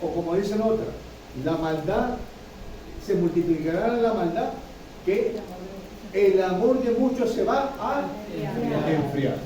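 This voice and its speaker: A man's voice: high voice, animated, takes it slowly, long pauses, dull audio, a crowd in the background. A man preaching a sermon. He repeats himself and keeps checking in with his listeners by asking "¿sí?". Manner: repetitive, addresses listeners with frequent "¿sí?". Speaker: pastor. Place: church hall. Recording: echoey room, from far off.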